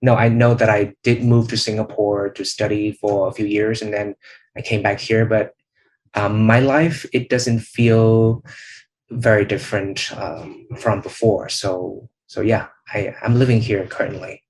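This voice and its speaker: A man's voice: lowish voice, steady tone, a little mellow, poor audio. A young man from Vietnam, answering speaking test questions over a video call. He stops often to think, filling the gaps with "um" and "you know". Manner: thoughtful, many "um" and "you know" pauses. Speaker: channel host, interviewee.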